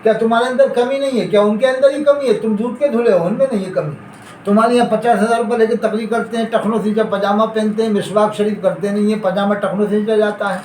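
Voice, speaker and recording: A man's voice: sits high, fairly even intonation, fast talker, darkish tone. A man preaching a sermon, arguing with rhetorical questions and rising emphasis. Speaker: Islamic preacher. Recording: echoey hall, faint background noise.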